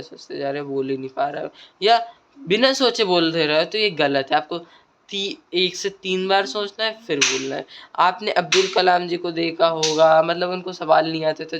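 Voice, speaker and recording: In a fairly high, fairly bright voice, a man offers speaking tips as a video creator. His tutorial style is relaxed and chatty, repetitive, and heavy with fillers and tag questions.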